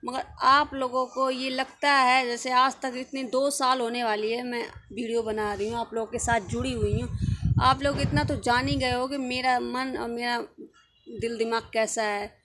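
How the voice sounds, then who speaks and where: A woman's voice: fairly high pitch, steady tone, moderate pace, pushed and bright. A young adult woman vlogger talking frankly and casually to her viewers, opinionated and chatty. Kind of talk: casual vlog talk to viewers.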